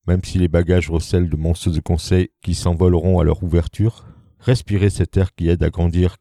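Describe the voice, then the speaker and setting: A man reads a prepared text aloud in a slow, solemn way. His voice is low and very dark. The recording is dry and close. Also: dry recording.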